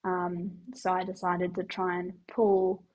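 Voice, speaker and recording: A young woman, a powerlifting coach and artist, answering interview questions in a soft-spoken, thoughtful way. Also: on the low side, completely flat delivery, slow, low-quality recording.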